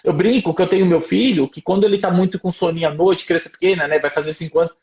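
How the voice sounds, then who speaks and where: Fast-talking Brazilian man, roomy sound. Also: high-pitched. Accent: Brazilian Portuguese. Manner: lively explaining, tells anecdotes, asks "percebe?". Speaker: doctor giving parenting advice. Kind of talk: live-stream talk.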